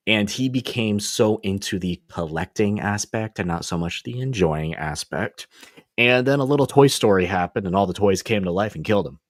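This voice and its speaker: Recapping comic issues on his casual review show, a podcast host rambles and jokes in a laid-back way. His voice is deep, and the studio-quality recording has no echo.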